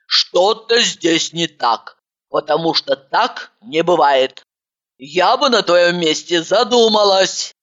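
Чтица озвучивает Иванову, суетливую рассеянную женщину-патологоанатома, говорящую ниже и медленнее, резко и грубовато. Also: female voice, fairly low pitch, lively intonation, takes it slowly, a bit bright, dull audio. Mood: stern. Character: brash, fussy woman, a scatterbrained forensic doctor.

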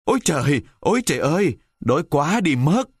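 Guy putting on a squeaky little wooden boy, childlike and whiny, lively storybook voice, dry sound. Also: a little slow, no room sound. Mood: hungry. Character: mischievous wooden puppet boy, young.

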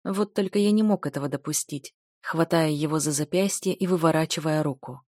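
A woman narrating a first-person fantasy audiobook in a steady, even storytelling voice. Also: sits low, fairly quick, dry recording, clean studio sound.

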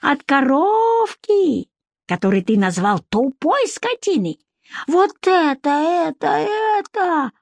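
Abdurakhman, a squeaky excitable shopkeeper, as a woman puts him on. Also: takes it slowly, dry recording, full character voice. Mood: excited, pleading. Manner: high, squealing, broken grammar. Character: excitable male shopkeeper with broken speech, thin voice.

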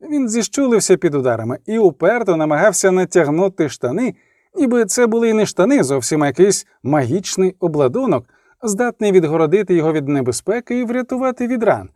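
A man narrating an audiobook in an expressive, vivid storytelling manner. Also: high voice, no room sound, studio quality.

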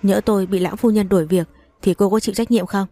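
A woman's voice: medium pitch, fairly even intonation, fast, warm tone, dry recording, natural voice. A woman voicing an irritable young housemaid who speaks curtly and scolds. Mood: scolding. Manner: curt, scolding. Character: irritable young female housemaid guarding the gate.

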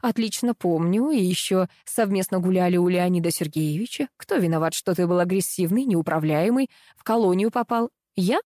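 A woman's voice: fairly low pitch, moderate pace, hardly any pauses, dry recording, clean studio sound, natural voice. A woman voicing a domineering, scolding middle-aged mother-in-law in an audiobook reading. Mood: indignant. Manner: commanding, sharp, scolding.

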